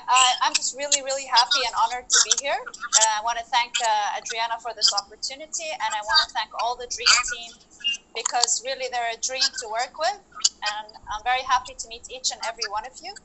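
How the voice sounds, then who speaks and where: A woman's voice: on the high side, a little fast, very noisy. A woman in her thirties introducing herself on a video call as an investment advisor, polite with hesitant restarts. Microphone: laptop mic on a video call.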